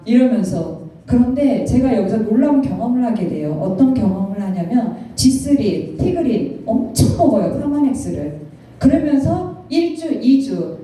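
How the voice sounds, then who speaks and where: A woman around fifty giving an emotional personal testimony to an audience, talking in an animated way and often laughing as she speaks. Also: high-pitched. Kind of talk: storytelling talk to an audience with slides. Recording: very echoey hall, picked up from a distance, faint noise.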